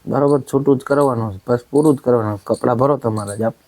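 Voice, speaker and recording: A man plays a furious husband in an amateur family drama. He scolds and accuses without pause, pressing for agreement after every point. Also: medium pitch, a little mellow.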